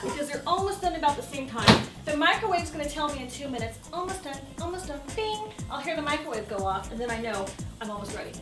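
In her home kitchen, a cooking show host with a high voice runs a demonstration, chatting playfully, laughing often and adding little sound effects as she works. She's recorded from a distance in an echoey room with music in the background.

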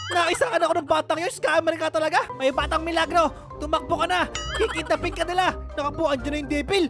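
A woman narrating a comic game roleplay in a loud, excitable way, often laughing and switching between Tagalog and English. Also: very high voice. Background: music.

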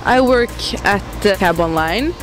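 A young woman from Latvia chatting casually outdoors, animated as she quotes other people. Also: mid-range voice, measured pace, poor audio. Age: young adult. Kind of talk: casual testimonial talk. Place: outdoors on a city square in winter. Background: music.

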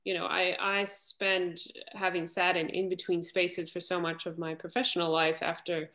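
A woman's voice: lowish voice, level tone, moderate pace, sharp tone. A woman in her thirties speaking earnestly at length on a video call from home, a panelist in a discussion. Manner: earnest, flowing speech with frequent "you know". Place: home room. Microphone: video call webcam.

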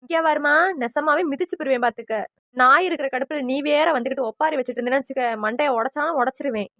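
A woman's voice: high voice, quick pace, a bit bright, dry recording, clean studio sound. A woman voicing a rude, short-tempered grown daughter in a cartoon who taunts and threatens brashly. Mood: taunting.

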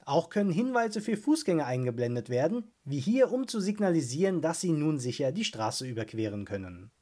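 A man with a somewhat high, husky voice narrates a tech video. His delivery is lively and animated, rising and falling often. He reads a script in an upbeat presenter tone. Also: brisk.

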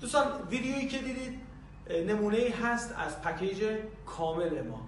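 A man's voice: high-pitched, expressive. A man speaking directly to viewers in a friendly promotional outro, inviting them to get in touch. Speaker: course promoter. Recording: very echoey room, far from the mic, faint noise.

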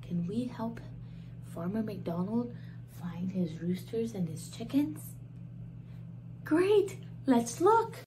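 In a mid-range voice, a woman in her thirties teaches toddlers slowly and with frequent pauses, animated with gasps and questions. Background noise fills the close recording made in a small room.

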